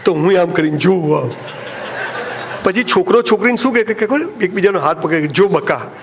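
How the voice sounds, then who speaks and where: A man with a Gujarati accent delivers a motivational talk to a live audience in a hall. His voice sits high, and his delivery is lively and joking. A faint background noise runs under the recording. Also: a little fast, gravelly. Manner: animated, joking, acts out lovers' lines in playful voices. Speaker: motivational speaker.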